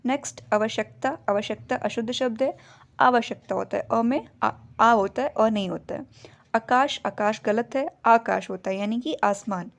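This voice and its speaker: A woman's voice: a little high, normal speed, creaky. A woman teaching a Hindi grammar lesson, steadily going through misspelled words and giving the correct spelling of each. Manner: steady, explanatory listing of words. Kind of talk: spoken lesson explaining word spellings.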